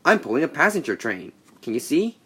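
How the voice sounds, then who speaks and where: A man voicing a cheeky, impatient young tank engine in a children's storybook, excitable and halting. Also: medium pitch, husky. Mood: proud.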